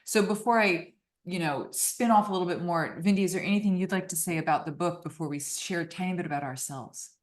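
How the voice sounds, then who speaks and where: A woman co-author hosting a book launch video, talking in a quick, chatty, upbeat way with casual fillers. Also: fairly low pitch. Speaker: co-author and host.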